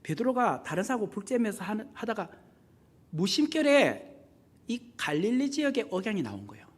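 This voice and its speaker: A male pastor delivers a lively sermon in a church, his pitch rising and falling widely as he acts out the voices he quotes. His voice has a slightly husky edge. He talks with the congregation, putting questions to them. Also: brisk. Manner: animated, acts out quoted voices with big swings in loudness; conversational, asks the congregation questions. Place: church sanctuary.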